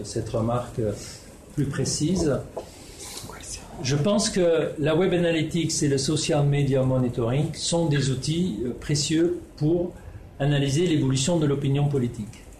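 A man presents his research in a halting way, full of fillers and restarts. His voice is mellow and warm. It sounds like an echoey room with faint background ambience. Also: fairly high pitch, slight background noise. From Netherlands. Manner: hesitant, many fillers and restarts. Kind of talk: spoken presentation.

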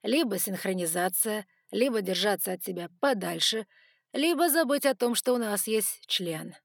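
A woman's voice: medium pitch, expressive, normal speed, no echo, studio quality. A woman voicing a sly, sarcastic male ice dragon who talks in a teasing, offhand way.

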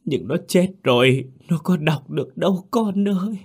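A man's voice: low-pitched, normal speed. A man voicing an older mother who is grieving and tearful, sobbing as she confesses in an audio story. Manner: sobbing, pleading.

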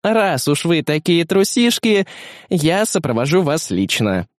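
A man voicing a calm, caring female ship AI in a storybook reading, soft and composed with a light teasing edge. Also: on the high side, unhurried, no echo, studio quality, pitched above the performer's own voice. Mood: wry guiding. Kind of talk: audiobook character voice.

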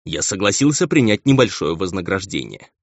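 A man's voice: deep voice, sing-song, brisk, vocal fry, no room sound, heavily acted. A man voicing a pompous, contemptuous baron and cruel husband, on a dull, lo-fi recording.

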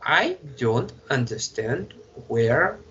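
A man from Russia with a Russian accent, speaking English in a halting way with many fillers and restarts as an interview guest. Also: mid-range voice, big pitch swings, pushed and bright, lo-fi sound, slight background noise. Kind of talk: conversational interview.

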